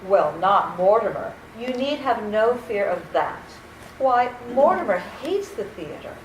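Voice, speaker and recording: This woman's mid-range voice is sing-song and unhurried. Acting in old-time radio comedy, she portrays a sweet, daffy elderly aunt who is genteel, chatty, fussy and chirpy, captured in a roomy stage recording with a little background noise.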